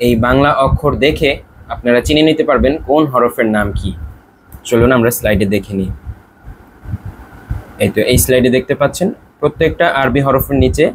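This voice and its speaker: A man teaching the Arabic alphabet from slides, saying each letter slowly and repeating the hard ones. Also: mid-range voice, slight background noise, rough recording. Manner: slow, deliberate letter drills with repetition. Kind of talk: slide-based lesson.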